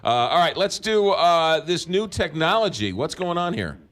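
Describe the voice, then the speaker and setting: A male radio host interviewing a correspondent in a relaxed, conversational way with short prompts. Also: fairly high pitch, normal speed.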